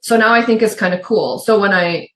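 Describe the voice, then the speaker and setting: Brisk and medium-pitched, a middle-aged woman co-hosts a podcast, rambling along with restarts and side comments. She comes from Michigan's Upper Peninsula, though her Yooper accent is suppressed and faint, and the sound is roomy and echoey.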